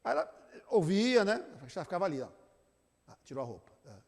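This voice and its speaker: A man with a Brazilian accent, a pastor giving a church talk to couples, telling animated family stories and tagging his sentences with a questioning aside. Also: sits high, a little fast, vocal fry. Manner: animated storyteller, acts out family scenes; tags sentences with "né?". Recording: long reverb of a church hall.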